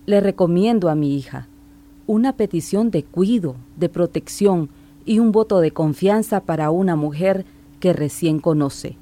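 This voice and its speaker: A woman narrates a radio report from a script, measured and solemn. Her voice sits low and mellow.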